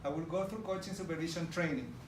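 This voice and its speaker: Fast and fairly high-pitched, a middle-aged Argentine man with an Argentine Spanish accent delivers an enthusiastic presentation, engaging the audience directly. The setting is a large room with listeners, recorded in roomy, distant audio with background noise.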